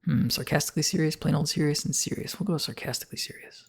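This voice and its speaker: A man's voice: on the high side, fast talker, husky. A man narrating a game playthrough, reading on-screen text and dialogue choices aloud. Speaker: let's play narrator. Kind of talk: let's play commentary.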